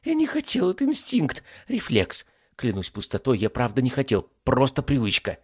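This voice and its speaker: A man's voice: mid-range voice, wildly swooping pitch, normal speed, breathy edge, pitched above the performer's own voice. A man voicing a small, whiny, cowardly young male demon who panics, pleads and whimpers. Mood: desperate.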